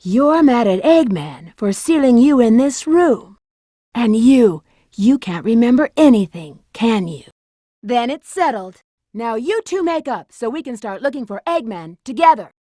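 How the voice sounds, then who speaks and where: A sassy, flirtatious female bat treasure hunter for a video game. Her high voice swings animatedly up and down with teasing confidence. The sound is close and dry. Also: animated, measured pace, dark tone, no room sound. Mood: confident, bossy.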